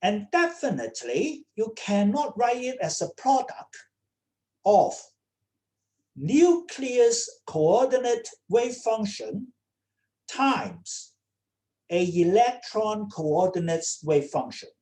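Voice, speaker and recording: Slow-spoken woman lecturing with many "okay?"s. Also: medium pitch, big pitch swings, mellow. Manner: checks in with students often, repeating "okay?". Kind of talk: online lecture. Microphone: computer mic on a video call.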